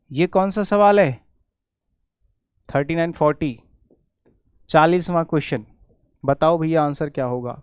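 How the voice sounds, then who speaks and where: A man's voice: a little high, smooth, dry recording, clean studio sound. A middle-aged man from India teaching English spelling to exam students, spelling words out letter by letter, repeating them and correcting his own slips.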